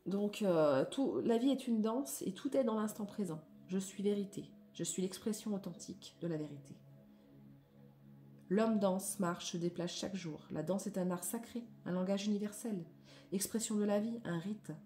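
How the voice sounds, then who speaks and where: A woman with a warm, mellow voice reads oracle cards aloud and adds her own comments. She speaks softly and reflectively at an average pitch, and her sentences often trail away. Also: normal speed. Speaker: spiritual card reader.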